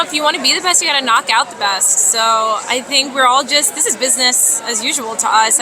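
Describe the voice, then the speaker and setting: A woman pro soccer player giving confident, punchy, playful answers at a media day. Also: fairly high pitch. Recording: outdoor noise behind.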